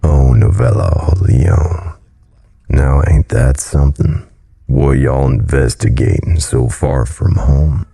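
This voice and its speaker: A man voicing a burly, hostile bar owner in his late forties with a thick Cajun drawl and a gruff voice. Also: a bass voice, takes it slowly, warm tone, full character voice. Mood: surly drawl.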